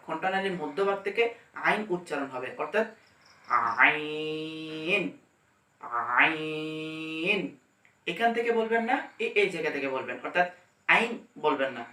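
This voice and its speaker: A man teaching pronunciation step by step, demonstrating each letter slowly and carefully. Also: high-pitched, bright, forceful tone, far from the mic. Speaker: Quran teacher. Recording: echoey room, mic set back.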